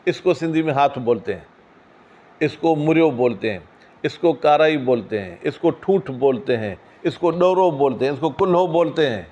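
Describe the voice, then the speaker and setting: A man teaching a seminary class, reading Arabic phrases slowly, then explaining them in quick, questioning asides to his students. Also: a little high, animated, darkish tone, lo-fi sound. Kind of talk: classroom lecture on a legal text.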